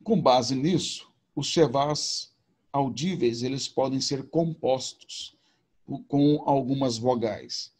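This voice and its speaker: A man's voice: medium pitch, slow pace, darkish tone, slightly rough. A man teaching a recorded video lesson, explaining patiently and informally with repetition. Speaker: Hebrew teacher.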